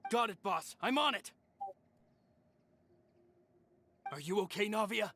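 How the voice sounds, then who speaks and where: A loyal young lieutenant, blunt and urgent. His voice sits high for a man and stays direct and pressing. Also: lively intonation, a little fast, bright, forceful tone, full character voice. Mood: dutiful. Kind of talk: video game voice acting.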